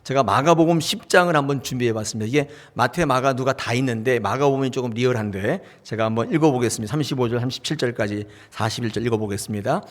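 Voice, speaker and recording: A man's voice: medium pitch, fast talker, hardly any pauses. A man preaching a sermon as pastor, talking in a conversational way, asking the congregation questions and acting out short dialogues. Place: church sanctuary.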